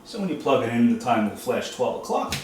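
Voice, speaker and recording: A man with a mid-range, sing-song voice talks briskly through a product demo at home, step by step and with fillers, sounding nasal and stuffed up from a cold. The recording is rough, with a little hiss or hum, in a room that echoes.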